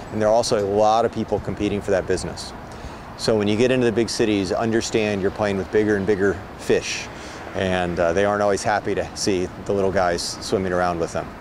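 A middle-aged man, a meat producer, giving steady, thoughtful interview answers outdoors. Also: lowish voice. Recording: outdoor street noise.

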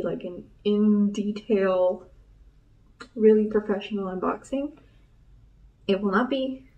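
Slow, hushed American woman, slightly muffled. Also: medium pitch. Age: young adult. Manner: voice kept down for a library, not whispered. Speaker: unboxing video host. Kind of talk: casual vlog chat. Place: small indoor library study room. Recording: voice picked up from a distance.

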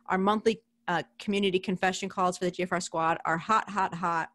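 A woman hosting a casual podcast interview, chatty and quick to laugh, with casual swearing. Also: fairly low pitch, steady tone, fairly bright tone. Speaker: podcast host.

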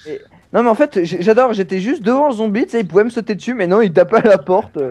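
A man's voice: sits high, fast, darkish tone. A young man hosting a casual let's play, chatting playfully with many fillers. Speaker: gaming channel host.

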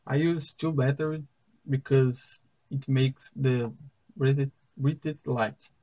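A young man with a Brazilian Portuguese accent, a native Portuguese speaker, explains a simple circuit step by step in careful, halting English at a wooden table indoors. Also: medium pitch, fairly even intonation, dark tone, a little hiss or hum, poor audio. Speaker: science fair project demonstrator.

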